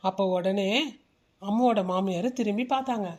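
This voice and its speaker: Steady cartoon story narrator. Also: medium pitch, normal speed.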